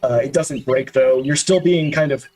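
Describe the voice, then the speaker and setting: A man's voice: medium pitch, moderate pace, darkish tone, rough recording. A man narrating scenes as a tabletop game master, descriptive and full of hesitant uhs. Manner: descriptive, with frequent uhs and restarts.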